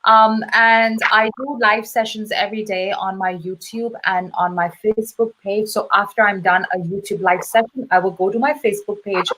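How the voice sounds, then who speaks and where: A woman hosts a casual live English class. Her pitch sits in the middle, and she uses clear, simple phrasing in an encouraging, teacherly way. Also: fairly even intonation, moderate pace, few pauses, bright, forceful tone, low-quality recording.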